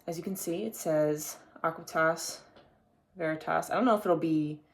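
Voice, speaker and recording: A young man hosts his own video podcast, talking casually and rambling to a camera with the occasional swear word. His voice runs on the high side at a normal speed, with some vocal fry.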